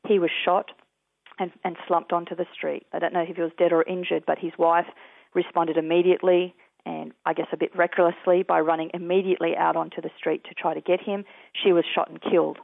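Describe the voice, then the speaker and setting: An Australian man, a guest in an interview, telling his experiences in an earnest, measured way. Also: on the high side, level tone, vocal fry, no echo. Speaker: guest, peace activist. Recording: tinny dry phone line.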